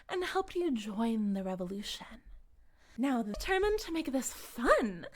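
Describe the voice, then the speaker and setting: With a voice a little on the high side, a woman voices a smug, menacing and charismatic cult leader for a dramatic audio roleplay. She is articulate and pompous, and her persuasion has a condescending edge.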